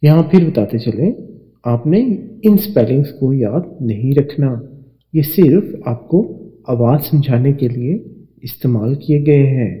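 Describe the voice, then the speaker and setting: A man teaching English spelling to Urdu speakers, spelling out each letter and repeating every word slowly. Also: medium pitch, warm tone, rough recording. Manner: slow and deliberate, spells out letters and repeats words. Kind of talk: slow spelling lesson narration.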